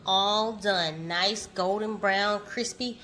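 In her home kitchen, a woman hosts a casual cooking vlog in a bright, forceful, medium-pitched voice, speaking slowly over a faint hiss or hum. She calls her viewers "y'all" and savors her food with plenty of "mm" sounds.

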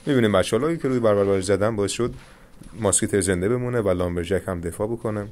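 A young man with a fairly low voice talks viewers through a mobile card battle game, calm and instructive as he explains each play. A faint hiss of noise sits under the recording. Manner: coaching viewers, calm reassurance. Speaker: gaming channel host. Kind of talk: live gameplay commentary with tips.

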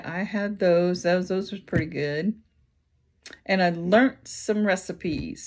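A woman with a Midwestern American accent chatting casually in a home vlog, rambling with lots of ums and restarts and sounding tired. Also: on the low side. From Indiana, USA. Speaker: vlogger. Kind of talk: casual chat.

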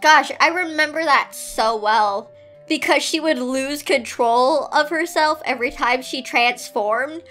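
A woman's voice: high voice, unhurried, a bit bright, faint music behind. A young woman reading an old fan story aloud, breaking off for giggly, sarcastic asides.

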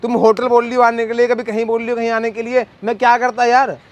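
A man's voice: very high-pitched, flat delivery, fast. A young man hosting a prank vlog, teasing, pushy and talking over others in a casual argument outdoors. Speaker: vlogger host pulling a prank.

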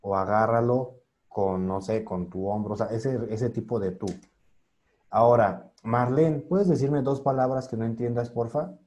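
A man's voice: medium pitch, unhurried, a little mellow. A man teaching an online English class over a video call, patiently spelling out words and translating them.

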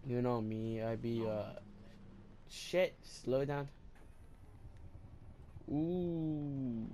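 Man, gameplay commentator, foul-mouthed and jokey, repeats lines, flares up loud, faint room hum behind. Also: medium pitch, very slow. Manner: crude, jokey, repeats himself, bursts of loud excitement. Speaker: gameplay video maker.

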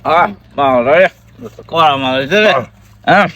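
A man's voice: a little high, normal speed, a bit bright, dull audio, slight background noise, natural voice. A man playing a drunk, chummy village drinking buddy who rambles through a comedy skit. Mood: boozy, chummy.

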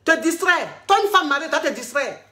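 A woman's voice: sits high, lively intonation, sharp tone, voice pushed up. A woman doing an indignant jealous husband. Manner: indignant, rapid scolding. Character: jealous controlling husband, scolding his wife. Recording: roomy echo.

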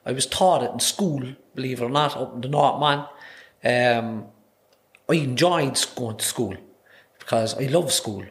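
With a mid-range, slightly bright voice and measured pace, this thirty-something singer-songwriter from Ireland speaks in a Cork accent as a podcast guest. His casual chat wanders through stories, full of restarts and repeated words, recorded in a small indoor studio on a boom-arm desk mic.

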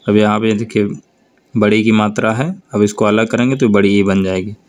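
A man teaching a grammar lesson for board exams, explaining slowly and over and over telling students to look and answer. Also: fairly low pitch, little pitch movement. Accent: North Indian Hindi. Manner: slow, drawn-out explanation with repeated prompts to look.

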